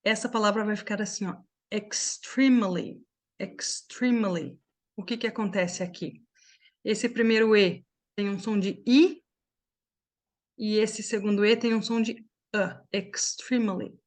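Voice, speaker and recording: A woman from Brazil leads an online language class through a computer microphone, her voice sitting at an ordinary middle pitch. She explains each point step by step and keeps checking that her students are following. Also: fairly even intonation. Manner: explains slowly with many checking questions. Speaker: English teacher.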